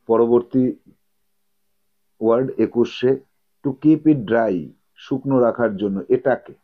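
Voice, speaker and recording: A man teaching English vocabulary, slowly repeating each word and its meaning and correcting pronunciation. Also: medium pitch. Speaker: English tutor. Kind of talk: vocabulary lesson explaining English words in Bengali. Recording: tinny phone-like audio.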